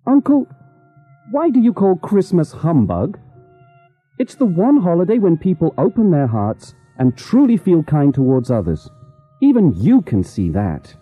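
A man's voice: on the high side, wildly swooping pitch, a little slow, mellow, slightly rough, soft background music, full character voice. A man voicing a cheerful, patient young nephew with a friendly, pleading manner.

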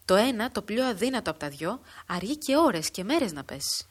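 A woman reading the part of a bold, quick-witted old village woman who speaks firmly and urgently in a storybook reading. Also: medium pitch, sing-song. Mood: urgent, persuasive. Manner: firm, persuasive, urgent.

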